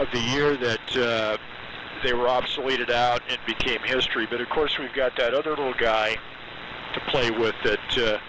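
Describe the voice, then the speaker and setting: A man in his sixties, heard over AM radio with static hiss, chatting in a rambling, technical way with many pauses. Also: medium pitch. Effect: received over AM radio, with static hiss. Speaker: amateur radio operator checking in. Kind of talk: casual on-air chat. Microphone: radio transmitter with carbon mic.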